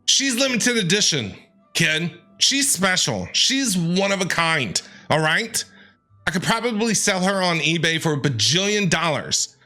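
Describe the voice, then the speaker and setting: A male streamer reacts to a game in a high, bright voice, playful and theatrical as he talks back to the characters. His pitch swings widely while his pace stays measured, and music plays faintly in the background.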